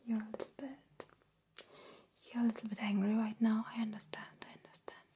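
This ASMR roleplay features a woman as a friendly, caring alien abductor who whispers in a soft, breathy, soothing way, coaxing the listener from close range. Her natural voice runs on the high side with a level tone, the mood gentle, with a little hiss or hum in the recording.

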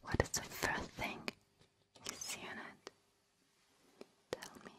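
In an ASMR roleplay, a woman who isn't a native English speaker plays a gentle, friendly alien, whispering softly and reassuringly with halting phrasing.

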